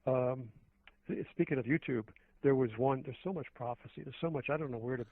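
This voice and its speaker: A man's voice: mid-range voice, a little fast, no echo. A man calling in as a radio show guest, rambling on and on with plenty of fillers and restarts. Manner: meandering, with many fillers and restarts. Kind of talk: rambling phone-in conversation. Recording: tinny phone line.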